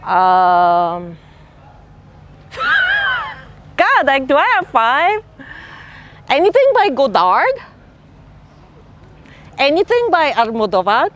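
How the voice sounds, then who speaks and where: Her voice sits high, with drawn-out words and frequent pauses, as this middle-aged Japanese-accented woman speaks to camera in an interview. A freelance illustrator, she comes across relaxed and thoughtful, leaning on "you know" and "like". Soft music runs in the background.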